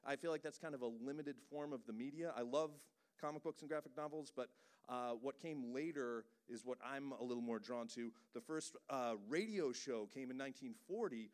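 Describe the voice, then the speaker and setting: A man with a smooth, resonant voice at a middling pitch, talking about cartoon villains at a live cinema event. He is chatty and enthusiastic and slips jokes in as he goes. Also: brisk. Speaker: voice director giving a presentation. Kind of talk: live pop-culture talk.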